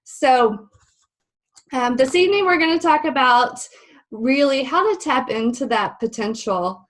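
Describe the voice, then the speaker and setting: A woman hosts a live webinar over a video call, friendly and chatty with lots of ums. She sounds a little stuffy and nasal; her voice sits high, expressive and a bit bright, moving a little slowly.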